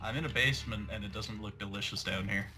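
A man's voice: fairly low pitch, fast. Young man joking through a game. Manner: joking, laughing, swearing. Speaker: gamer. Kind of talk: let's play commentary. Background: game music.

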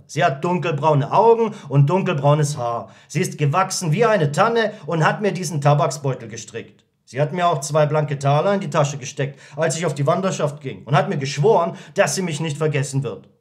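A man voicing a melancholy young journeyman who talks slowly and sighs about his sweetheart. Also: a little high, expressive, natural voice. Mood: wistful. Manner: slow, sighing, dreamy.

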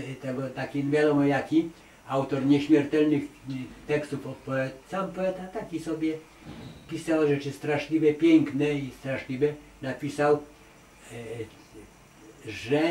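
A man's voice: medium pitch, warm tone. Artist guy in an interview, emphatic and rambling, lots of ums, mic far away, roomy echo. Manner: emphatic, digressive, with many hesitations and repeated "nie". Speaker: artist interviewed as award laureate. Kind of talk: conversational interview answers. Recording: echoey room, distant mic, faint noise.

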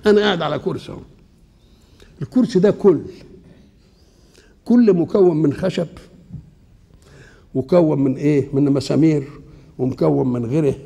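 Gravelly older Egyptian man teaching. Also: on the high side, moderate pace, pauses often. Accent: Egyptian Arabic. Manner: asks questions and answers them himself, colloquial and lively. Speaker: Islamic scholar. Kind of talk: Quran exegesis lesson. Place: seated indoors.

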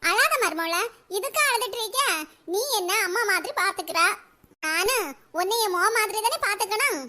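A woman voicing a squeaky old cartoon mother-in-law. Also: animated, moderate pace, bright, forceful tone, full character voice. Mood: coaxing. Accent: Kanyakumari Tamil. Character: scheming old mother-in-law turned loving, village woman. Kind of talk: comedy cartoon voice acting.

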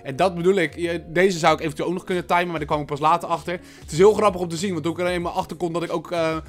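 A slightly high-voiced young man from the Netherlands talks his viewers through his football game in loose, chatty commentary and shouts when something big happens. He mentions that he has a headache. Faint game music plays underneath. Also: fairly even intonation, very fast. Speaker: gaming video host. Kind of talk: casual gameplay commentary.

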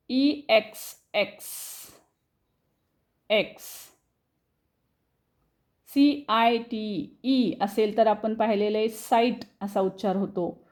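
Slow-spelling woman teaching reading. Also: mid-range voice, darkish tone. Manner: spells letters slowly, then explains in quick bursts; addresses students directly, checking understanding. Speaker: English teacher.

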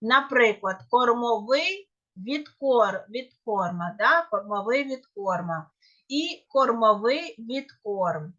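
Slow, bright-voiced woman teaching. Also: a little high, animated. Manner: careful, with small self-corrections. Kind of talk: lecture on grammar. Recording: dull lo-fi recording.

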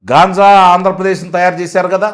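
A man, a political analyst speaking forcefully in a heated interview and firing off rhetorical questions. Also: high-pitched, little pitch movement, quick pace.

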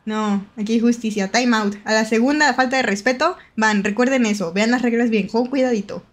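A woman's voice: on the high side, brisk. Giggly Mexican woman streaming a horror game. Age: young adult. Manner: playful, giggly, jumpy, chatty with viewers. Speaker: VTuber streamer.

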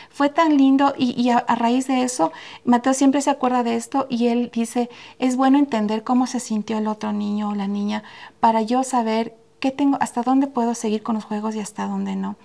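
A middle-aged woman on a podcast, telling a family story in a casual, animated way and acting out the dialogue. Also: on the high side, creaky. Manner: animated, acts out quoted dialogue. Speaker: podcast co-host.

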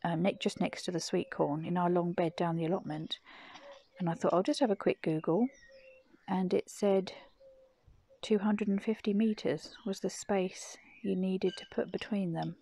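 A middle-aged woman casually narrating a gardening vlog, explaining things in a chatty, low-key way while filming on a phone. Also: steady tone, normal speed, warm tone. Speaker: gardening vlogger and parent. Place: garden outdoors and at home.

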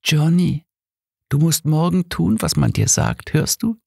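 A man's voice: on the high side, huge pitch swings, measured pace, creaky, dark tone, husky, no echo, clean studio sound, pitched above the performer's own voice, exaggerated voice. A man voicing the ghost of a dead wife who coaxes and pleads seductively.

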